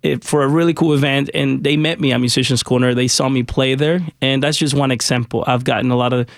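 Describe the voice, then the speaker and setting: A man's voice: medium pitch, fairly even intonation, fast, no echo, clean studio sound. A man from Honduras, a guest musician on a radio interview, talking in a friendly, chatty way with many fillers.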